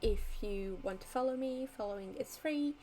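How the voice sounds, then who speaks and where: A woman's voice: fairly high pitch, normal speed, warm tone, a little hiss or hum, low-quality recording. A tired young woman wrapping up a live stream, rambling casually with many ums and likes. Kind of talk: casual end-of-stream chat.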